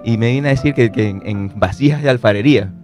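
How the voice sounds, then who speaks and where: Ecuadorian man, morning radio co-host, relaxed and rambling storyteller, light music bed. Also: mid-range voice, fast. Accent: Ecuadorian Spanish. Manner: relaxed, rambling, searches for words. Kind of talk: casual storytelling chat.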